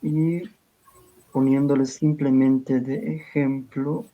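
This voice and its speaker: A man on a live stream explaining liturgical languages in casual talk, pausing often to search for words and reading sample prayers slowly. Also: medium pitch, level tone, mellow, poor audio.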